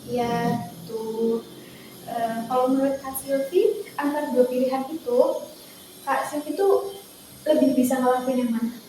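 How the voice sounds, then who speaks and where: A woman's voice: high-pitched, fairly even intonation, measured pace, long pauses. A young woman, a nutrition student, politely asking questions and summarizing in a counseling interview. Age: young adult. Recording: very echoey room with faint noise.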